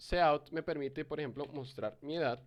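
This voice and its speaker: A young man in his early twenties gives a screen-recorded programming lesson, reading code aloud step by step. His voice is a little high and moves at a normal speed. As a tutor he explains each step in turn, using fillers and correcting himself as he goes.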